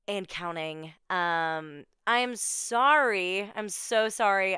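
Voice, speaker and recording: A woman's voice: medium pitch, bright, forceful tone, clean tone, no room sound, clean studio sound. A woman in her twenties from Minnesota hosting her own podcast in bubbly, chatty talk, repeating words for emphasis. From Minnesota, USA. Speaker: podcast host. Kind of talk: casual solo podcast chat.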